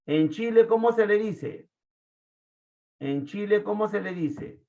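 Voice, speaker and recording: A man from Peru with a Lima accent, teaching an online class in a chatty way, quizzing students and filling pauses. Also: sits high, expressive, warm tone. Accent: Lima Peruvian Spanish. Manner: chatty, asks the class questions, many fillers. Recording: tinny phone-like audio.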